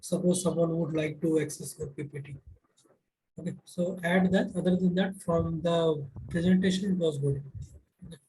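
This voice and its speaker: Mellow higher-voiced Indian man on a video call. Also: fairly even intonation, normal speed. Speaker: internship mentor hosting the meeting. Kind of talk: spoken feedback on a video call. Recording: noisy video-call audio.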